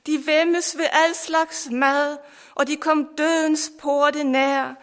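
A woman's voice: sits high, flat delivery. A middle-aged woman preacher giving a fervent, emotional sermon and testimony, repeating hallelujah, her voice at times breaking with tears. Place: church or camp meeting hall. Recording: long hall reverb.

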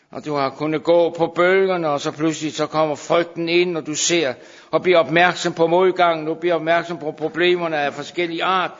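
A man preaching a sermon, moving between hushed, slow pleading and raised, urgent calls to his listeners. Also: a little high. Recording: dull sound with long hall reverb.

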